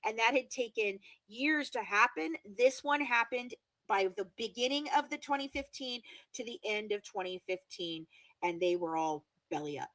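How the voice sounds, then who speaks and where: A woman guest in a video-call interview, speaking emphatically, repeating words for stress and correcting herself quickly. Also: a little high, animated, a bit bright, no echo, poor audio. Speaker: guest true-crime commentator.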